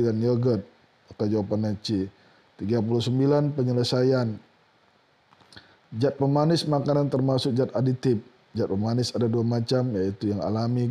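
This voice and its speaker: A man with a mellow, dark-toned voice works through a list of exam questions like a teacher. He reads each question and its answer in a steady, plain lecturing manner, pausing now and then to find a word. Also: medium pitch.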